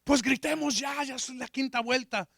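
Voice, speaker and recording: A man playing impatient Israelite man, urgent, calling out, high voice, dry sound. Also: steady tone, moderate pace, fairly bright tone, no echo, heavily acted. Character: impatient Israelite man urging the others to shout.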